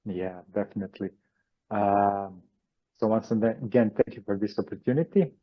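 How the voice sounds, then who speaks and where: Low-voiced Croatian man, hesitant. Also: moderate pace, dull audio. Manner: hesitant, many fillers and restarts. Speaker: guest channeler. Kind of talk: interview answers.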